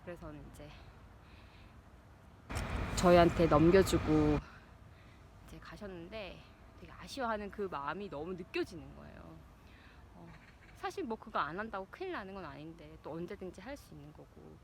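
A woman's voice: lowish voice, lively intonation, normal speed, long pauses. Woman chatting on a noisy outdoor run. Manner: talking while out running. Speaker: vlogger, a parent. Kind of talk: casual chat to listeners. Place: outdoors, out exercising. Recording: noisy outdoor recording, uneven level.

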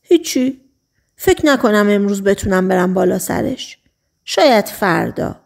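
A woman's voice: medium pitch, expressive, vocal fry. A woman narrator voicing a callous, bitter man who speaks in a curt, dismissive way in an audiobook.

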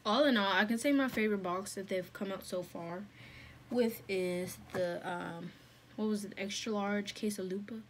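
A woman's voice: medium pitch, moderate pace. A woman chatting casually through a mukbang vlog, talking while she eats with her mouth full. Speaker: food vlogger. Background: faint fan hum.

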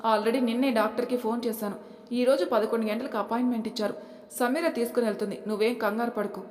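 A woman voicing a hurried young husband rushing off to work in a family audio story, brisk and reassuring. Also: a little high, fairly even intonation, darkish tone, lightly acted. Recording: echoey reverberant room.

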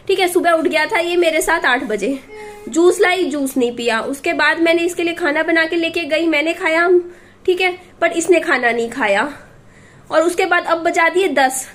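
A young woman vlogging at home as a mother, chatting to viewers and coaxing and scolding her child. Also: extremely high pitch. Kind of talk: casual home vlog chat.

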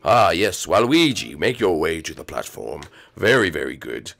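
A man's voice: low voice, sing-song, normal speed, vocal fry, a bit bright, pitched below the performer's own voice, heavily acted. A man voicing a vain, bossy giant plant monster who gives orders lazily. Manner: lazy, vain and commanding.

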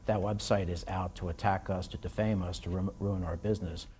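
A man's voice: low-pitched, fairly even intonation, a little fast, darkish tone, slight background noise. A man, a company attorney, answering firmly and defensively in an interview. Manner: firm, defensive.

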